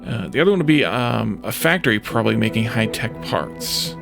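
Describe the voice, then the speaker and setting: Over music, a man with a lowish, creaky voice talks a little fast, his pitch swinging a lot. He's commentating a let's play, muttering hesitantly about what to do next in the game.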